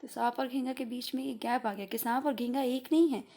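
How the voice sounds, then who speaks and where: A fairly high-voiced woman teaching a primary school class. She explains slowly and patiently, repeating each point in simpler words. English words slip into her speech now and then. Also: fairly even intonation, dark tone. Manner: mixes English words into Hindi. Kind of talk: online Hindi grammar lesson.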